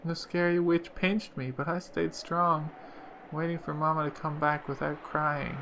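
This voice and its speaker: A man voicing a small girl who speaks softly and sweetly with an eerie calm, reading from a visual novel. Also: on the high side, unhurried, vocal fry, slight background noise. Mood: eerily sweet. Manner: soft, childlike.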